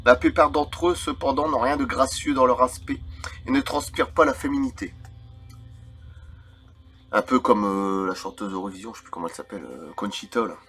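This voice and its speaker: Eerie film music sits under this man's voice as he reads a book aloud and tosses in loose, rambling remarks for his video channel. He's in his 30s, medium-pitched and fairly bright, and talks a little fast.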